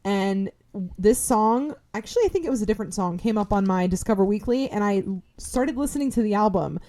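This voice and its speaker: A young adult woman co-hosting a podcast in casual chat, animated and exclaiming, humming tunes. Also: mid-range voice, a little fast. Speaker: podcast co-host.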